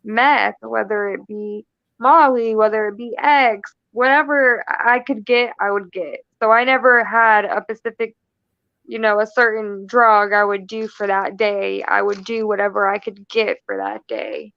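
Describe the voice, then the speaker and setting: A woman's voice: mid-range voice, steady tone, a little slow, creaky, no room sound, highs cut off. A woman guest talking candidly and matter-of-factly in a casual conversation over a video call. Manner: candid and matter-of-fact, with light laughs.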